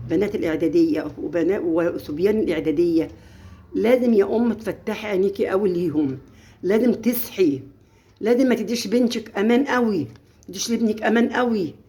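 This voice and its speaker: Fast-talking Egyptian woman, earnest lecture. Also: medium pitch, dark tone. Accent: Egyptian Arabic. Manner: earnest, lecturing, acts out quotes. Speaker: mother giving parenting advice. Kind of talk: casual livestream talk.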